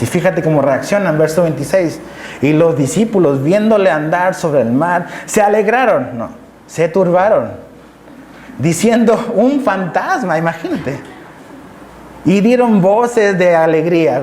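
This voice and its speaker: A man's voice: high-pitched, a little mellow, a little hiss or hum. A male pastor preaching an emphatic sermon to a live congregation, repeating key phrases and checking in with his listeners. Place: church hall, live service. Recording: echoey church hall with faint ambience.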